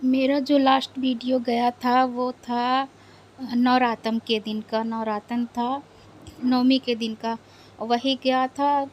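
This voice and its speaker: A woman's voice: on the high side, level tone, slow, slight background noise. Subdued young woman from India. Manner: sad, subdued, hesitant retelling of a family loss. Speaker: vlogger. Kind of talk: personal vlog storytelling.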